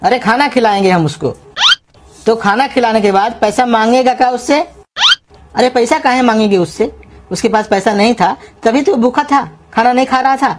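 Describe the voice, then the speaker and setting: A woman voicing a bald, self-important male street food vendor who scolds and threatens loudly in a comedy cartoon. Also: a little high, moderate pace, noisy background, lightly acted. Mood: lecturing. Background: music.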